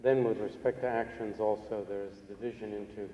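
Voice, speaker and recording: Low, mellow male interpreter in an echoing hall. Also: fairly even intonation. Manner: halting, careful, measured phrasing. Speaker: interpreter translating a Buddhist teacher. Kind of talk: consecutive interpretation of a philosophy lecture. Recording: echoey hall, distant mic, background noise.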